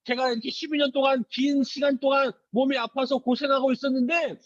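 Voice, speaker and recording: A man's voice: very high voice, level tone, a little fast, dry recording. A man voicing a humble, grateful woman, long ill and now healed, in an earnest, apologetic way, on a slightly dull lo-fi recording.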